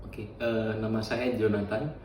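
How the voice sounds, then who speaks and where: A 21-year-old man answering interview questions haltingly, with many fillers. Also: lowish voice, little pitch movement, darkish tone, roomy sound, recorded from a distance, slight background noise, low-quality recording.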